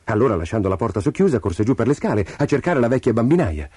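A man narrating a storybook in an expressive, measured way. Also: mid-range voice. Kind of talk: storybook reading.

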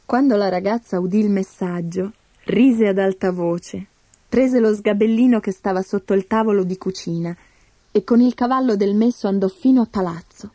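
A woman narrating a fairy tale in a steady, measured scripted reading. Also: medium pitch, no echo. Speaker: storyteller.

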